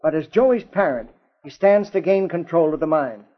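An actor playing a formal police inspector giving orders in an official, measured way in an old-time radio drama. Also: male voice, fairly high pitch, expressive, close to an everyday voice. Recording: muffled vintage radio recording.

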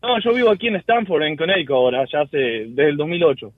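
A man's voice: fairly high pitch, sing-song, quick pace, dry recording. A man from Uruguay, calling in to a radio show and telling a rambling story with frequent restarts. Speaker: caller. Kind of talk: casual call-in storytelling. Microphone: telephone. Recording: tinny phone line.

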